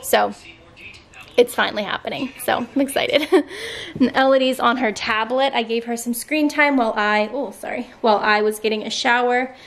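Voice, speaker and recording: A young stay-at-home mom chats casually to camera in her family home, bubbly and full of fillers. Her voice is on the high side and gravelly, moving at a moderate pace.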